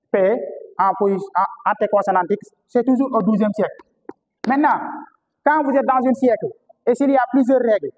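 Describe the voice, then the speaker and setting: In a long-reverb recording, a male teacher with a Senegalese French accent and a fairly high voice gives a classroom lecture on historical phonetics. He repeats key terms and asks the students questions.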